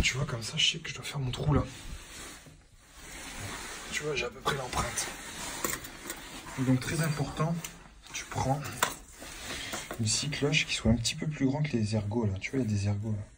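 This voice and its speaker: A man with an ordinary mid-range voice talks a viewer through a plumbing job in relaxed, slangy speech, over and over asking whether they can see. He is recorded on a phone held in his hand at an indoor building site. Clear job-site noise and clicks run under his voice. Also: mid-range voice, moderate pace, pauses often. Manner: chatty and informal, keeps saying "tu vois" to the viewer. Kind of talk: casual on-the-job how-to. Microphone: phone held in hand while working. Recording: noisy handheld phone recording on a work site.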